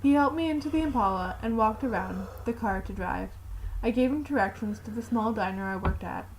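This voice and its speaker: A woman's voice: fairly high pitch, fairly quick, a little hiss or hum, rough recording. Woman reading a fan story. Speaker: narrator. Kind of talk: reading fanfiction aloud.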